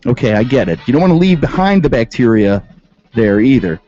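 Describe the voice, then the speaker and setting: A sarcastic man hosts a comedic radio segment, reading out rules and riffing on them. His voice is mellow and swings widely in pitch. The sound is dull and lo-fi, with faint music underneath. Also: sing-song, a little fast. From Western New York. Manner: sarcastic, reads rules aloud and riffs on them. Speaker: radio show host. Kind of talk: comedic commentary.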